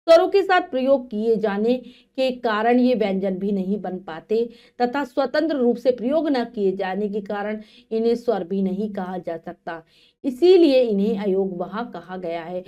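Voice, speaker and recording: Woman, teacher, children's grammar lesson, slightly high voice, slow spelled-out examples. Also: a little mellow. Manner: slow, drawn-out recitation of letters and examples; reads definitions, then re-explains them simply.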